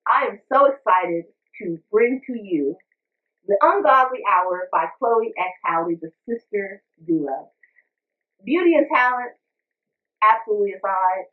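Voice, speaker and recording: Chatty woman reviewing music, tinny and distant. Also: medium pitch. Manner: chatty, animated, bursts into sung snippets. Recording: tinny phone-like sound, distant mic.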